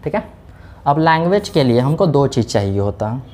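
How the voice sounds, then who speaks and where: Briskly and with a lot of animation, a man lectures a class in a medium-pitched, dark voice; a little hiss or hum runs underneath. He lays things out step by step, peppers his speech with "theek hai," and answers the questions he puts forward.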